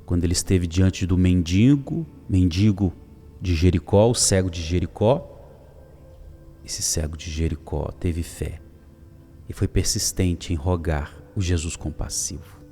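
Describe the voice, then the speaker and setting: A man giving a daily devotional sermon, emphatic and swinging from loud calls to soft whispers. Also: deep voice, unhurried, faint music behind. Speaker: preacher.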